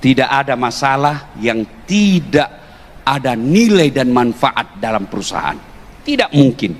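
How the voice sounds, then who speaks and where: A man preaching a humorous sermon to a live audience, animated and teasing, shouting out his punchlines. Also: mid-range voice, unhurried, long reverb tail.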